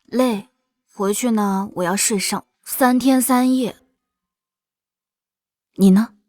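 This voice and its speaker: An actress playing a clever young woman court official who has served disguised as a man, speaking calmly and frankly. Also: on the high side, slow pace, no echo. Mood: earnest. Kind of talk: TV costume drama dialogue.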